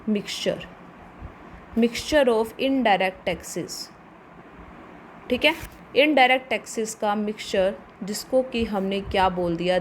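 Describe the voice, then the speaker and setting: A woman's voice: medium pitch, slight background noise. A woman teaching a commerce lesson, explaining step by step and answering her own questions. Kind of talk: classroom lecture.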